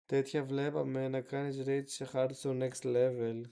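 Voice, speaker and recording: A man of middling pitch runs a live stream and talks over the clips in a loose, slangy way. His commentary is relaxed and half-muttered, as if he were chatting with friends. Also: gravelly, clear, resonant tone. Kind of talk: casual live-stream chat.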